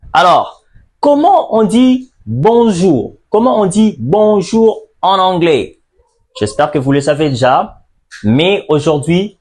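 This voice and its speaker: Slow, high-voiced male language teacher. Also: a little mellow, slightly rough. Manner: slow, drawn-out repetition drills with emphatic stress. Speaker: English teacher. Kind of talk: classroom-style language lesson.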